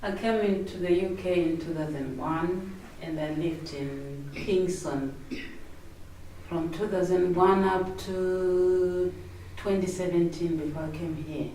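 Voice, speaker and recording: Mellow-voiced woman from Zimbabwe. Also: lowish voice, steady tone, slow pace. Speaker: cooperative resident. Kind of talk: interview, recounting. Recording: echoey room from far off, faint noise.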